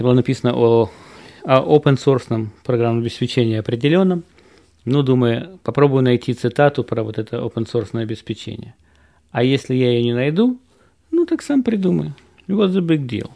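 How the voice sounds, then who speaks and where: A man from Russia talks casually to his viewers, rambling and explaining as he goes, with a gravelly, creaky edge in his voice. His pitch sits in the ordinary middle for a man, and he stops now and then to demonstrate English pronunciation. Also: darkish tone. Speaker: author and programmer.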